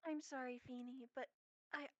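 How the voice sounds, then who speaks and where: A meek young witness pleads her case in a very high, soft voice, polite and halting. A woman performs her in a fan voice-acted playthrough. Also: steady tone, lo-fi sound, slight background noise. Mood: earnest.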